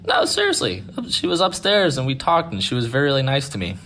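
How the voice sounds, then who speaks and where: A man voicing an insistent six-year-old boy in a spoken ghost story, pitching his voice up high and pleading. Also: huge pitch swings, quick pace, a bit bright, a little hiss or hum, poor audio. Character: young boy, about six, earnest and insistent.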